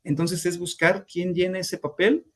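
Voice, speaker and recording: A man's voice: high-pitched, fairly even intonation, measured pace, fairly bright tone. A man lecturing on grief as a therapist, explaining steps and acting out clients' voices in quotes. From Mexico. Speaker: grief therapist teaching a class.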